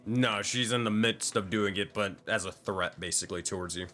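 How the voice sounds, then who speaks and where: A man's voice: fairly low pitch, fairly quick, bright, forceful tone, soft background music. A man running a tabletop game as game master, improvising narration in an informal, sweary way.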